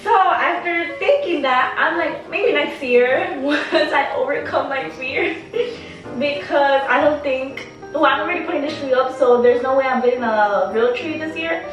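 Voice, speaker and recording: A high-pitched young woman chatting away in a casual vlog, self-mocking and talkative. Her voice bounces around a very echoey room, picked up by a camera mic set well back from her. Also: normal speed, far from the mic, faint music behind. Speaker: vlogger. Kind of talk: casual chat. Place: apartment living room.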